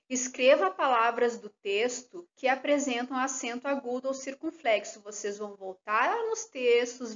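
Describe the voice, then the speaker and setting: A woman's voice: high-pitched, fairly bright tone, highs cut off. A woman teacher, giving a recorded lesson and explaining each step patiently with questions.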